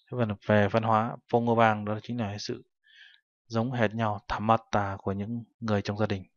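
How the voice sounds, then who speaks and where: Speaking quickly in a fairly low voice with little pitch movement, a male Korean teacher works patiently through a textbook lesson, translating phrase by phrase. There's no room sound, and the recording is dull and lo-fi.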